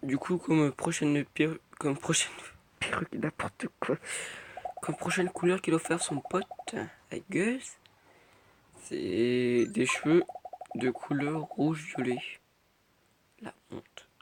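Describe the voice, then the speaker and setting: A teenage boy rambles through casual gameplay commentary, his voice sitting a little high. He fills gaps with hesitations and mutters or swears at the game. Steady background noise hums under the recording. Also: slow. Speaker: gaming youtuber. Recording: noisy home recording.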